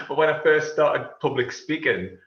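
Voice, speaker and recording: A man's voice: on the high side, animated, unhurried, fairly bright tone. Man, regional English accent, emphatic, plain-spoken, echoey room, dull audio. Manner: plain-spoken, emphatic, tells stories about his kids. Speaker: coach and public speaker. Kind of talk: casual panel discussion. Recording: roomy, dull remote audio.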